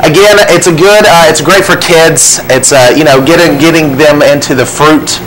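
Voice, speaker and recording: A young man co-hosting a local TV cooking show, joking around and chiming in with quick agreement. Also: a little high, crowd noise, poor audio. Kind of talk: casual cooking demonstration. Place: small indoor TV studio set.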